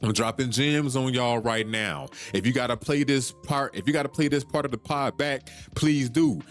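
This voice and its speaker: A man in his 30s hosts a solo podcast at normal speed, his mid-range voice urgent and preachy as he repeats points and swears casually. Soft music plays in the background.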